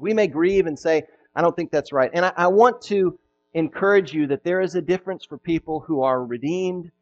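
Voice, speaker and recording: A man preaching a sermon as pastor, emphatic and rising to loud peaks, with frequent restarts. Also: on the high side, dull audio.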